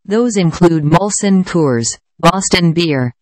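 A woman giving a scripted news narration in an even, measured newsreader delivery. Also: on the low side, no echo. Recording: faint music bed behind voice-over. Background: faint background music.

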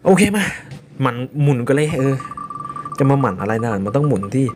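A young man giving casual, excitable gameplay commentary and swearing often. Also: medium pitch, fast talker, background noise. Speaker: gamer.

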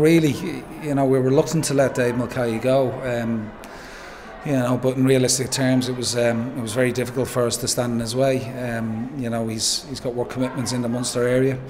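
Irish man, 40s, football manager, level monotone speech, post-match interview, noise behind, handheld mic. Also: medium pitch. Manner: measured, frequent "um" and "you know". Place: pitchside interview backdrop, noisy.

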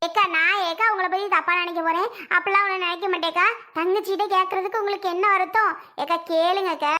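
A woman's voice: very high-pitched, fairly even intonation, fast, pushed and bright. A woman voicing a melodramatic sister-in-law who protests in a whiny, pleading, tearful wail. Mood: protesting.

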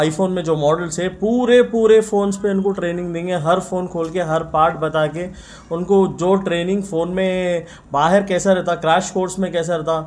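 A man's voice: high voice, a little mellow. A young man, a shop owner talking earnestly to press mics, often adding blessings. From India. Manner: earnest, frequent religious blessings. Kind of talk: press interview. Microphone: bunch of press mics on table.

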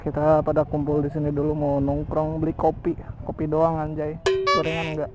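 This young Indonesian motovlogger jokes casually in slang and laughs often as he rides a tree-lined road, yet his fairly high voice stays completely flat at a moderate pace. His helmet-mounted action camera mic picks up wind and engine noise, and the audio is poor.

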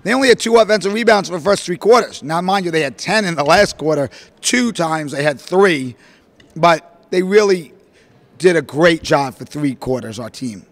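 A middle-aged male basketball coach answering questions at a postgame press conference, talking in animated, rambling bursts full of fillers into a podium microphone. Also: fairly high pitch, normal speed, dry recording. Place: press room, standing at a podium before a logo backdrop.

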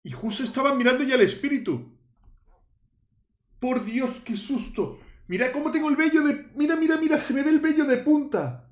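A man's voice: very high-pitched, moderate pace, echoey room. A man narrating his Minecraft play as a youtuber, hamming up fear and shrieking at scares. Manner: dramatic, shrieks in mock fear, talks to viewers. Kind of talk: Halloween let's play, playacted fright.

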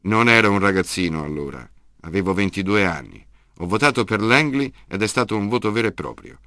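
A man voicing a stubborn, loud older grandfather in an audiobook reading, with a gravelly voice. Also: fairly low pitch, expressive, a little fast, no echo, clean studio sound. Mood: insistent.

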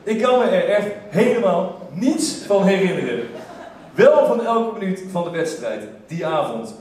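A man telling a humorous story to a live theater audience, lively and breaking into shouted exclamations. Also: high voice, a little slow, a little hiss or hum. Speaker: stage storyteller. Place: theater stage. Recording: echoey theater from far off.

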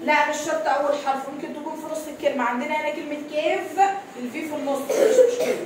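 A high-pitched woman with an Egyptian Arabic accent gives an English lesson. She reads slowly and repeats each sound many times. Her voice comes from a distance in a very echoey room, with a faint hiss behind it. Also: steady tone. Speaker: English teacher. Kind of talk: classroom lesson, reading a story aloud and translating. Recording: echoey room, mic far off, light noise.

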